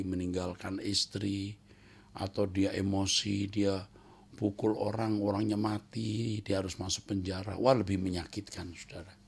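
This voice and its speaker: A man preaching a sermon in a low, gravelly voice with a husky edge. He moves from loud, emphatic lines to near-whispers and repeats key phrases as he speaks to his listeners. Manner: swings from loud emphatic exclamations to hushed whispers. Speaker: pastor.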